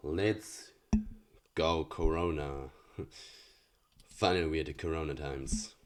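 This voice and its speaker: A man's voice: extremely low pitch, slow, a little hiss or hum. A young man with a German accent, a student thinking aloud as he reviews an old exam, hesitant and full of fillers and restarts.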